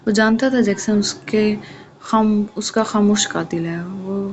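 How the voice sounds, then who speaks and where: A woman reading a romance novel aloud as an audio-novel narrator, with even, unhurried storytelling, on a dull lo-fi recording with faint hiss. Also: mid-range voice.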